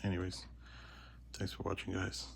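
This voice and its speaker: A soft-spoken man chatting casually as he hosts an unboxing video, his voice often slipping toward a whisper. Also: low voice, completely flat delivery, normal speed, gravelly, slight background noise.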